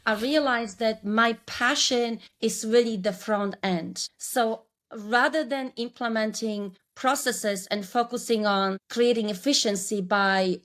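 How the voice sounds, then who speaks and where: Her voice on the high side and fairly bright, a woman from Poland in her forties tells her career story on a podcast. She is a branding coach appearing as a guest, speaking reflectively in a Polish accent with frequent restarts.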